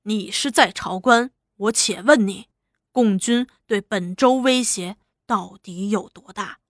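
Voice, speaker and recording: A woman's voice: medium pitch, slow, no echo, clean studio sound, voice pushed down, natural voice. A woman voicing a shrewd, modest old squire. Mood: wary. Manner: self-deprecating, guarded, probing. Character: older man, modest, shrewd local squire. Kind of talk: storytelling dialogue.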